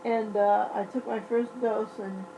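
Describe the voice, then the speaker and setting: A woman's voice: medium pitch, little pitch movement, unhurried, noisy background. A woman vlogging casually while in pain and on medication, blunt and profane, rambling and restarting often. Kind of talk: casual vlog monologue.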